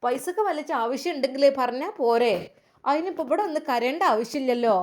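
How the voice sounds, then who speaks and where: A woman's voice: high voice, a little fast, lightly acted. A woman doing a kindly old matriarch. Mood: coaxing. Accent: Malabar Malayalam. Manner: warm scolding, coaxing questions. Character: older woman, kindly motherly matriarch Aishumma.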